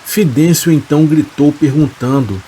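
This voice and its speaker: A man, calmly reading a scripted horror story in a steady, measured way. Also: on the high side, a little hiss or hum, low-quality recording. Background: rain.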